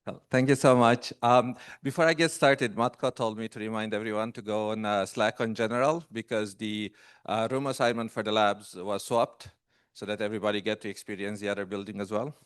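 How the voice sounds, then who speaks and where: A male guest lecturer from Romania speaks in a smooth, resonant voice that sounds close and dry. He talks hesitantly, with frequent fillers and restarts. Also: fairly low pitch, fairly even intonation, a little fast, no echo. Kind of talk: academic lecture. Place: lecture room.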